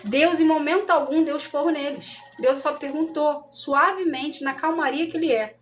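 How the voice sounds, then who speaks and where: A Brazilian woman with a high voice leads a relaxed Bible study as a missionary teacher. She talks in a chatty way and keeps checking that her listeners follow along. Soft music plays faintly behind her. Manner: conversational, often checks understanding with the audience. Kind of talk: casual livestream Bible study.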